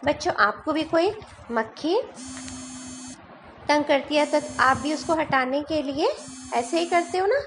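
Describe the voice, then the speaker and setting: A woman's voice: high-pitched, expressive, a little slow, long pauses, fairly bright tone, slight background noise. A woman teacher telling a story to young children, repeating each line in simpler words. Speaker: schoolteacher.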